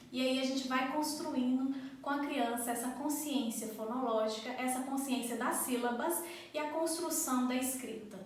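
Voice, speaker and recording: Brief: woman coordinator, slightly high voice, patient step-by-step teaching, distant mic in a very echoey room. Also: a little hiss or hum. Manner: patient, explains step by step, claps out syllables. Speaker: school coordinator. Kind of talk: instructional explanation for parents.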